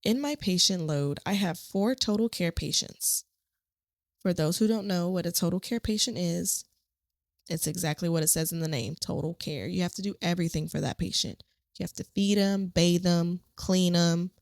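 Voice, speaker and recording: A woman podcast host, a nurse, telling a story from a shift in a lively, animated way. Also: fairly low pitch, normal speed, dry recording, studio quality. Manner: animated storytelling, acts out quotes.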